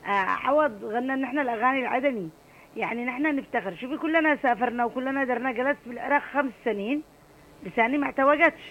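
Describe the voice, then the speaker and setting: Calling a radio show, a middle-aged Adeni woman from Yemen speaks with fierce, emphatic passion in Adeni Arabic. Her voice is high and fast. The sound is narrow and tinny, with slight hiss or hum.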